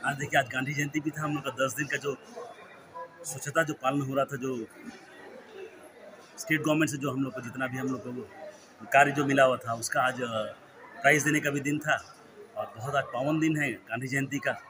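A man in his forties gives a news interview into a handheld reporter mic at an indoor town hall event, speaking earnestly and at length with English phrases mixed in. His mid-range voice is steady and moderately paced, with long pauses. Crowd noise fills the noisy background, though the hall ambience behind comes through clearly.

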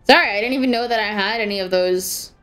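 A woman's voice: mid-range voice, fast, fairly bright tone, faint music behind. A young woman streaming a game, chatting casually and giggling as she reacts to the match and her chat.

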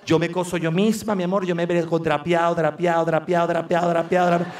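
A man's voice: on the high side, level tone, fast talker, a little mellow, slight background noise, pitched below the performer's own voice, natural voice. A man voicing a chatty older Venezuelan lady who gushes about fabrics and repeats herself, in stand-up comedy. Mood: gushing. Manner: gushing, repetitive, confiding. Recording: echoey live venue from far off.

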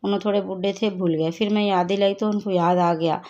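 A woman's voice: mid-range voice, steady tone, fast talker, warm tone. A woman vlogger chatting casually to her viewers, recounting her troubles with a landlord and sounding worried. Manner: chatty, retelling quarrels with quoted lines; worried, complaining tone. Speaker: family vlogger. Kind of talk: casual vlog chat. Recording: slightly dull, lo-fi sound.

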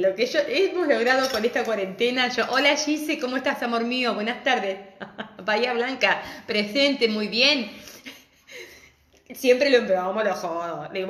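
A woman's voice: on the high side, a bit bright. A middle-aged woman with an Argentine accent, chatting affectionately and laughing often as she greets viewers of her live crafts class from home. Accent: Argentine Spanish. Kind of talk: casual live-stream chat. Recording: echoey room.

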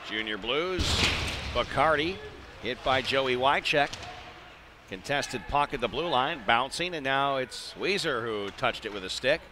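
Animated yet unhurried, a man with a medium-pitched voice gives live radio-style hockey commentary at an indoor ice arena. Clipped play calls mix with chatty asides over a noisy background.

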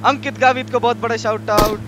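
A young man streaming a game live, chatting casually and giving shout-outs to viewers. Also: extremely high pitch, brisk, very noisy. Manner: lively, reads out viewer names and gives shout-outs.

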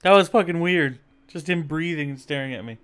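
A man streaming a game live, reacting loudly, swearing often and mocking himself as he plays. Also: on the high side, fairly quick, clean tone. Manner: excitable, swears a lot, mocks himself. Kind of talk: live gameplay commentary.

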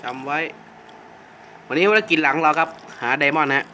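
A man's voice: a little high, moderate pace, sharp tone, slight background noise, rough recording. A young man casually commentating a phone game at home, crude and joking, talking to himself and his viewers, speaking away from the mic. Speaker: mobile game streamer. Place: home game-casting room.

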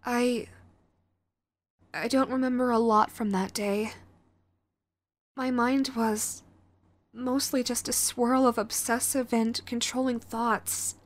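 A voice actress plays a young, sweet, clingy yandere girlfriend in an intimate audio roleplay, sounding remorseful and hesitant. She's cutesy and gushes pet names, her voice a little high with fairly even intonation, going slowly and pausing often.

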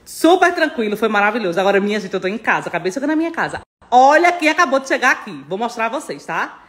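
A woman's voice: fairly high pitch, very animated, fast, a bit bright. A middle-aged woman, chatting affectionately to her followers in a casual phone vlog, repeating herself and laughing. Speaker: social media influencer.

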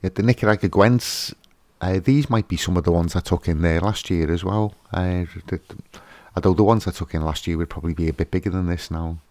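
A man's voice: low voice, brisk, darkish tone, dry recording. A man hosting a fishkeeping channel, giving a casual, hesitant voice-over with lots of fillers and restarts.

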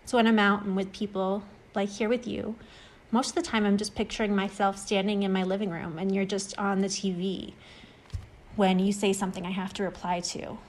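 In an acted short-story reading, a woman plays a talkative, reassuring friend who overcame extreme anxiety. Her medium-pitched voice is fairly quick and flat, lightly acted, as she encourages and explains.

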